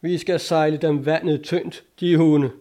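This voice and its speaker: A man reading aloud voicing a hot-tempered sailor who shouts and curses. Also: fairly high pitch, lightly acted. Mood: angry. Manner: shouting, cursing.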